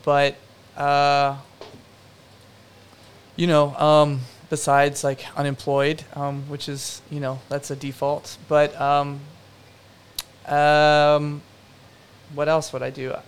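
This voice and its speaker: A young man in an interview, rambling through anecdotes with plenty of fillers and wry self-mockery. His voice sits a bit high and stays even in pitch. It has a smooth, clean tone. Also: takes it slowly. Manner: rambling, filler-heavy, self-deprecating storytelling. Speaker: production designer. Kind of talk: casual interview answers.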